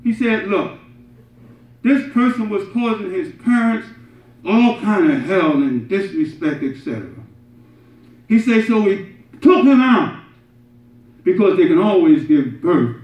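A middle-aged man preaching a sermon to his congregation, animated, swinging from loud emphatic peaks to soft asides and often asking "right?". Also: high-pitched, unhurried, long pauses. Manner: addresses congregation directly with rhetorical "right?". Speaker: imam giving Friday sermon. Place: carpeted mosque prayer hall, indoors, congregation seated on floor. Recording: roomy, distant and slightly dull camera audio.

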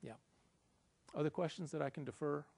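Presenting at a conference in an indoor room, a middle-aged man talks through a slide on the projector screen in a chatty, self-deprecating way before audience Q&A. His voice is fairly high, creaky, a little mellow and breathy, and he speaks a bit fast.

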